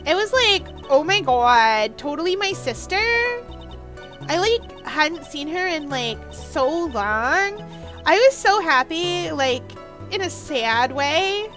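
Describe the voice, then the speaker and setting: A woman plays a ditzy, bubbly sorority-girl type from a video game. The voice is high and bright, with a drawn-out Valley Girl accent and constant filler words. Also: expressive, faint music behind, exaggerated voice. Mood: gushing. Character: ditzy young valley girl university student witness. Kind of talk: voicing video game dialogue.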